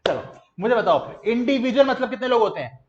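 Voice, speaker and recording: A young man teaches a class with high-pitched energy, drilling students with call-and-response and gestures. He keeps the mood playful while teaching the material. The recording sounds slightly dull and muffled. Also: very animated, brisk. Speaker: commerce teacher. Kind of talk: classroom lecture.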